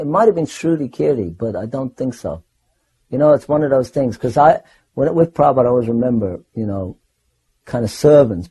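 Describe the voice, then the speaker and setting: An older man recounting personal memories in a rambling, animated way, often restarting his sentences. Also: mid-range voice, husky, rough recording. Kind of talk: personal anecdote storytelling.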